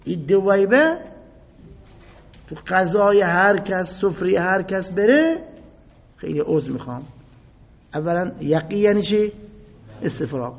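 Dramatic high-voiced male preacher in an echoing hall. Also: animated. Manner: reads classical Arabic quotes slowly, then explains in Persian; dramatic, rising to loud outbursts. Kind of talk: sermon. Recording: muffled lo-fi sound with long hall reverb.

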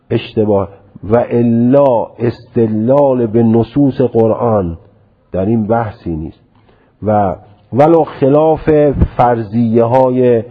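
A man's voice: medium pitch, breathy edge. Man lecturing over a tinny radio line. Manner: deliberate, reasoning, often stresses and repeats his point. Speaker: religious scholar lecturing. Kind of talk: religious lecture.

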